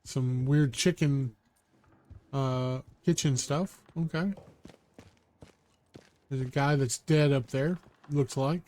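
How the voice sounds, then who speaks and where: A man's voice: mid-range voice, fairly even intonation, slow, long pauses, dark tone. A man streaming a video game, chatting casually and making wry remarks as he explores. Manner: chatty, wry, thinks aloud. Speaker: gaming streamer. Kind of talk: casual let's-play commentary.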